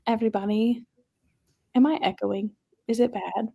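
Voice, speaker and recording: A woman's voice: fairly high pitch, fairly even intonation, moderate pace, gravelly, dark tone, a little hiss or hum. A woman hosting a casual livestream, chatting and reading viewer comments aloud. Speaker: livestream host. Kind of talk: casual chat.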